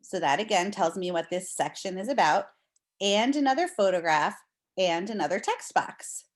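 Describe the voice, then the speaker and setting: This is an animated, medium-pitched woman teaching young children through a read-aloud, reading expressively and with care and explaining things in simple terms.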